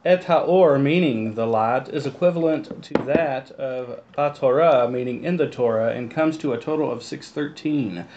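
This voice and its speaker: A man's voice: medium pitch, moderate pace, hardly any pauses. Texan man on a noisy lo-fi stream. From Texas. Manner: apologetic, easygoing. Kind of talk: casual discussion, reading a passage. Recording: lo-fi stream audio with faint noise.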